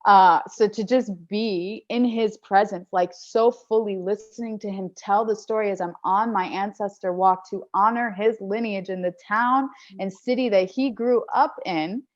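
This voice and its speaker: Woman telling a story in a dull recording. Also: mid-range voice. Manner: animated, fast storyteller with many "like" fillers. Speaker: podcast guest. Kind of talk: casual storytelling in an interview. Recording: dull lo-fi podcast audio.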